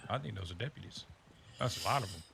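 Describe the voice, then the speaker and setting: A man's voice: fairly low pitch, animated, fast, creaky, noisy background. A man in a Western role-play game, telling folksy stories full of rural sayings and mock voices.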